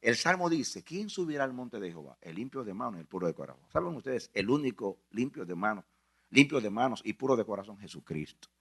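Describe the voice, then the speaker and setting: A male pastor preaching a sermon, emphatic, repeating phrases and swinging from hushed to loud. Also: on the low side, very animated, quick pace, husky.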